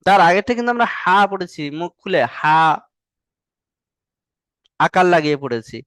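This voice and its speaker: A man's voice: high-pitched, sing-song, fast, fairly bright tone, dry recording. A male teacher, patiently drilling Arabic letters in an online class and stretching the sounds long. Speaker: Quran reading teacher.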